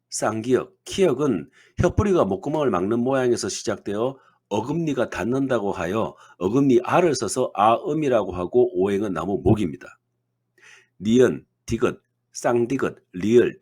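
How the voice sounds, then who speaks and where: A man delivers a scripted lecture, stepping through lists one item at a time. His voice is husky and slightly rough, and his pitch rises and falls in a lively way. He keeps an even, explanatory tone throughout. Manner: measured, reads lists item by item. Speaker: naming-theory lecturer.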